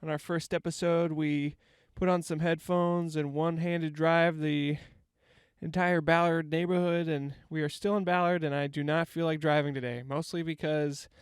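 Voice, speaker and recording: Speaking at normal speed in a level tone, this podcast host's voice is on the high side, clear and resonant, with no echo. He's a young man sounding congested, delivering a rambling comic monologue that mocks himself, recorded on a handheld mic inside a parked van.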